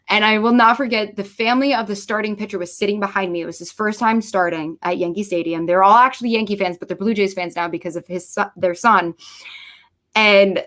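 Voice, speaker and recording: A woman who hosts a podcast, telling her story in a casual interview, swearing freely and acting out what people said. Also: mid-range voice. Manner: swears freely, animated, acts out quotes. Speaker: podcast host as guest.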